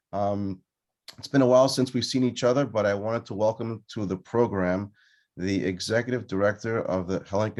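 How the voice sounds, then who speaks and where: A man with a lowish, darkish voice hosts a casual podcast interview, introducing his guest in an upbeat way with lots of fillers.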